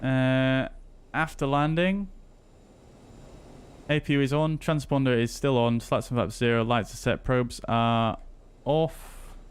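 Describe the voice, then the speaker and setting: Guy streaming a flight sim, talks to chat between radio calls, headset mic, mid-pitched, faint hiss. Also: fairly even intonation, takes it slowly. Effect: livestream headset mic audio.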